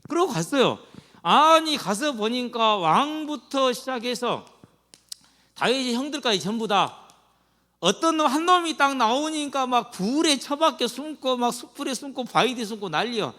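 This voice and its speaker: A high-pitched, very animated man preaches to students. He tells the story in a loose, slangy way and acts out the quotes. His voice rings through a church hall with a long reverb. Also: normal speed. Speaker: pastor. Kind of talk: sermon to students. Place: church sanctuary.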